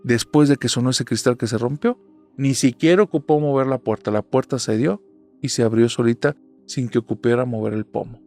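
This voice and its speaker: A man with a gravelly, creaky voice at a middling pitch tells a horror story. His telling is suspenseful and dramatic, with faint music playing underneath. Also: brisk, a little mellow. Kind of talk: spoken horror story narration.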